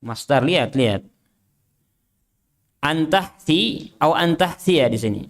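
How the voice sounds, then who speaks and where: A man's voice: on the high side, lively intonation, slow, gravelly. A man teaching an Islamic study class. He reads Arabic text aloud, translates and explains it, and drills his students with short questions. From Indonesia. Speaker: religious teacher.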